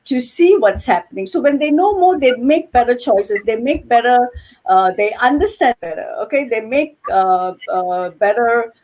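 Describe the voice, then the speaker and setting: A woman's voice: on the high side, expressive, normal speed, darkish tone, low-quality recording. A middle-aged woman from Malaysia, a guest on a video-call interview, talking earnestly with many asides, heard through a headset mic. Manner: earnest, many "you know" and "okay" asides. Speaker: guest, yarn dyer. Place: home room with yarn shelves.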